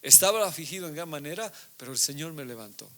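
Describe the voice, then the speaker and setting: A man's voice: a little high, lively intonation, quick pace, fairly bright tone. A middle-aged male pastor giving a conversational sermon, often checking in with his listeners through short tag questions.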